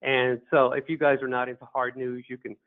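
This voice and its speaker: A man co-hosting a radio webinar in a relaxed, joking way with loose phrasing. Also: medium pitch, brisk. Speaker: radio programmer and webinar co-host. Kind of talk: casual webinar presentation. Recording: tinny phone-like audio.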